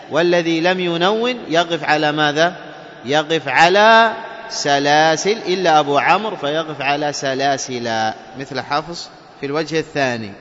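A man teaching Quran recitation rules, explaining step by step, asking and answering his own questions, and chanting verses slowly as examples. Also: on the high side, a bit bright. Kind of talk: tajweed lesson with chanted examples. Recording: dull reverberant hall recording with faint noise.

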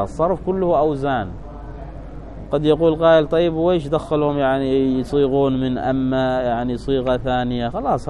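A man's voice: on the high side, warm tone, a little hiss or hum, low-quality recording. A man teaching a grammar lesson, reading from a text, explaining it and asking the class questions that he then answers himself. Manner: repeats key points, thinks aloud.

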